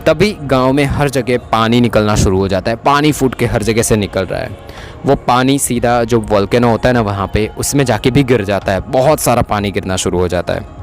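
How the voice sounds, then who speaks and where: A man narrating a casual, chatty recap of a TV episode, often tacking on quick tag questions. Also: medium pitch, faint music behind. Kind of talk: casual Hindi plot recap.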